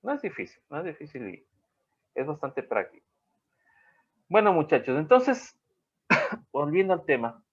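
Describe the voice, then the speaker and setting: A man's voice: on the high side, sing-song, unhurried, long pauses, slightly rough. Man teaching over a video call. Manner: rambling, checks in with "¿sí?". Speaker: college teacher. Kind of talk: online class lecture. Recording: dull lo-fi video call audio.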